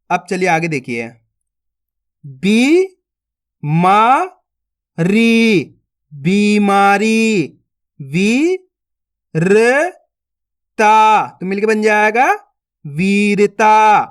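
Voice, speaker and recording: A man's voice: high voice, expressive, extremely slow, pauses often. A man teaching Hindi reading in an online phonics lesson. He sounds out each syllable one by one, then stretches out the joined word, and coaxes viewers as his friends. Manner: addresses viewers as friends, coaxing and repetitive.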